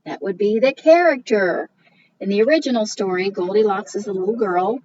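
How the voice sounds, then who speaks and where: A woman teacher reads a fairy tale aloud for a lesson, leaning on words with drawn-out storytelling emphasis. She sounds a little distant from the mic, and the sound is muffled. A faint hiss sits underneath. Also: medium pitch, darkish tone.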